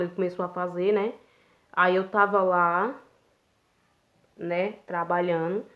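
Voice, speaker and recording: A young woman tells her own story in a casual, unhurried way. She talks plainly and keeps checking in with little tag questions. Her voice sits at an ordinary pitch, and the recording sounds somewhat dull and lo-fi. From Pernambuco, Brazil. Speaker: vlogger.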